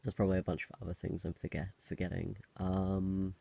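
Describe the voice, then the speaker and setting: A man's voice: sits low, level tone, fairly quick, gravelly, warm tone, no room sound. A young man with a cold that makes the voice a bit harsh, giving a casual, rambling personal update in a hesitant, self-interrupting way. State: has a cold. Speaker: video diarist.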